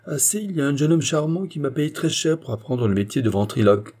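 A man's voice: a little high, fast, darkish tone, voice pushed up. A man reading a storybook, voicing a stout fairground showman who boasts about a rich pupil. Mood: boastful.

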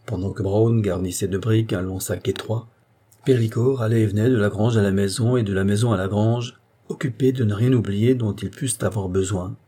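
A man narrating an audiobook in a measured, expressive storytelling manner. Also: lowish voice.

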